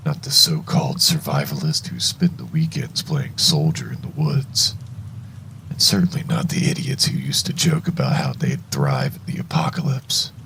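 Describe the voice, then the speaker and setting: A man narrating a first-person horror story in a hushed, deliberate, suspenseful way, with a gravelly voice. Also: very deep voice, slight background noise.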